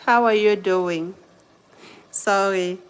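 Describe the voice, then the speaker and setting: A woman's voice: mid-range voice, wildly swooping pitch, very slow, slight background noise, poor audio. Chatty woman from Cameroon livestreaming her cooking. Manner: chatty, greets viewers by name, apologetic while multitasking. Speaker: livestream host. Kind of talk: casual livestream cooking chat. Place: home kitchen.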